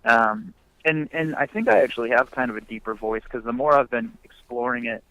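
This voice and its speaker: Heard on a muffled phone line, a young musician guest talks easily and meanders with plenty of fillers. He's brisk and mid-range, his voice a bit bright, with no room sound.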